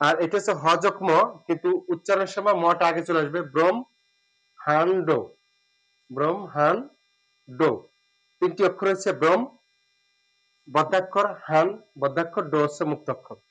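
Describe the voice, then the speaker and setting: A man giving a spoken lesson, explaining step by step and repeating words slowly and drawn out. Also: sits high, fairly bright tone, poor audio. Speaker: teacher.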